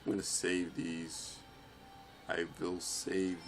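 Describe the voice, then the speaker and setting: A young man commentating his own kart racing gameplay, swearing and yelling in frustration at the game. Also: low voice, completely flat delivery, takes it slowly, over music. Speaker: let's play gamer.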